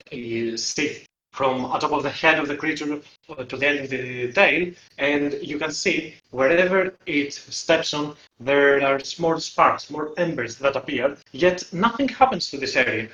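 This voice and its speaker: A man narrating a tabletop fantasy game as game master, improvising haltingly as he searches for words. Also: mid-range voice, bright, forceful tone. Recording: roomy, slightly dull microphone sound.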